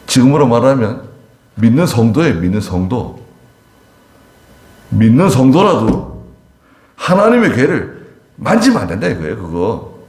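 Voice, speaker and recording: A pastor delivering a Wednesday service sermon, telling stories with emphatic rises and quiet asides. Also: male voice. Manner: animated storytelling, voice rising sharply for emphasis and falling low for asides. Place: church sanctuary. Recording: echoey church hall.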